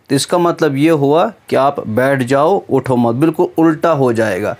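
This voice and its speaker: A man teaching a lesson on Quran recitation, explaining step by step in a measured, patient way and chanting verses slowly. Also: mid-range voice, darkish tone.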